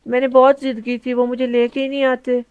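A man's voice: extremely high pitch, completely flat delivery, clean tone, dry recording, phone-quality sound, voice pushed up. A man using a voice changer filter to play a shy, pleading young girl gamer in voice chat. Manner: sweet, pleading, fast-talking. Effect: voice changer filter making a man sound like a girl. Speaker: prankster streamer. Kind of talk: gaming voice chat prank.

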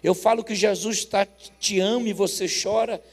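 A Brazilian man in his forties preaching as a pastor, telling a story with lively acted dialogue and loud laughter. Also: high voice, normal speed. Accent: Brazilian Portuguese. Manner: animated, acts out both sides of a dialogue, laughs loudly. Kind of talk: sermon storytelling. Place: church. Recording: long reverb of a church hall.

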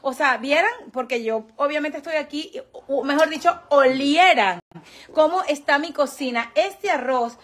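A woman vlogger talking excitedly to her viewers, exclaiming often and slipping into English phrases. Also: sits high, measured pace. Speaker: vlogger host. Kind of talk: casual vlog talk to viewers. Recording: busy crowd noise behind.

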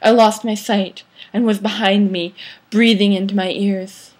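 Her mid-range voice is slightly rough, flat in delivery and measured in pace as this young amateur reader performs fan fiction in a mock-dramatic, theatrical style. She records in a small room on a webcam or laptop microphone held at arm's length.

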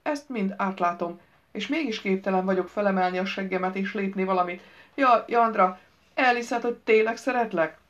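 A young male actor sinks into gloomy self-pity and dramatizes his own failings in a storybook reading, as a woman puts him on. The voice sits at a middle pitch. The recording sounds slightly dull and lo-fi. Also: close to an everyday voice.

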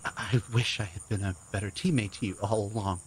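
A man's voice: on the low side, steady tone, quick pace, a little hiss or hum, natural voice. A man playing a stammering, loyal companion. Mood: soft, tender. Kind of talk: audio drama acting.

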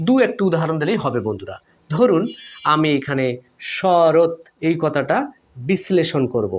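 A man teaching a spelling lesson, explaining step by step, asking his viewers questions and answering them himself, saying the example words over slowly. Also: fairly high pitch, big pitch swings. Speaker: Bengali language teacher.

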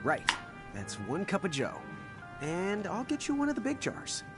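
A man's voice: sits high, wildly swooping pitch, a little slow, full character voice. A man voicing an easygoing, sarcastic young café worker in a video game. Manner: laid-back, sarcastic. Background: game music.

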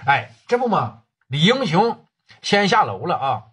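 A man's voice: sits high, sing-song, measured pace, a bit bright, husky. A man telling a long gangland story for sleep, in colloquial and coarse speech with crude slang.

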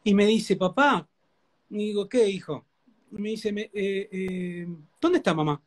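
A man's voice: high-pitched, steady tone, measured pace. A man with a Rioplatense Spanish accent shares a personal testimony during a live interview. He talks like a preacher, earnest and heartfelt. He repeats his words over and over for emphasis.

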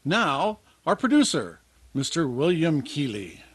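A male announcer in the polished style of 1950s radio advertising. His voice is fairly high, very lively and husky, recorded dry. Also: unhurried, dry recording. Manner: polished, promotional.

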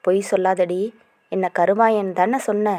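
A woman voicing a tough young village man, protective and scolding, with a gruff way of talking. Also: medium pitch, fairly even intonation, moderate pace, mellow, no room sound, natural voice. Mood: teasing.

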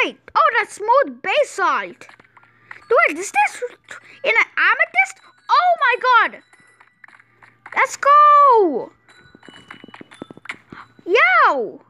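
A woman hosting an excited gameplay commentary, exclaiming often and restarting her sentences as she explores. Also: very high voice. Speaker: gameplay channel host.

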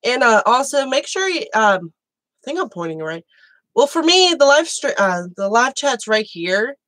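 A woman's voice: a little high, sing-song, normal speed, a bit bright, no room sound. A woman with allergies chatting casually and self-mockingly while she plays music on a live stream. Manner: self-deprecating, swears, muttering while playing.

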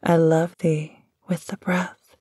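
In a close-miked audio roleplay with no room sound, a woman voice actor addresses a loved one gently and affectionately, with dry amusement. Her lowish, husky voice moves slowly and stays flat in delivery.

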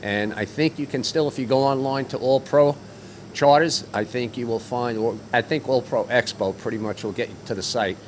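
A man's voice: mid-range voice, moderate pace, slight background noise. An older man hosting a fishing report on location, chatting casually with many fillers into a handheld mic. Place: outdoors at docks, then inside a deli.

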